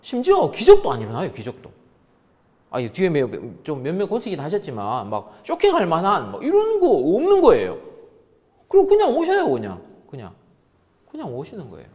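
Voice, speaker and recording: A man preaching a sermon as pastor, acting out quoted voices and dropping to soft tones. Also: sits high. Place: church sanctuary. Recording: reverberant church sanctuary.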